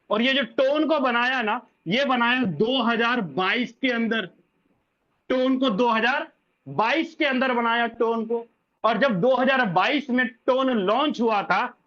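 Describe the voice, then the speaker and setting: A man giving a pushy, repetitive sales pitch in a live online meeting, calling listeners brother and sir. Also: a bit bright, highs cut off. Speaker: crypto scheme presenter.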